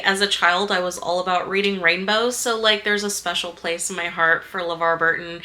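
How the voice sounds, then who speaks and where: A woman's voice: medium pitch, sharp tone. A woman in her thirties chatting casually to camera about her reading, rambling and self-deprecating with lots of fillers. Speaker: book vlogger.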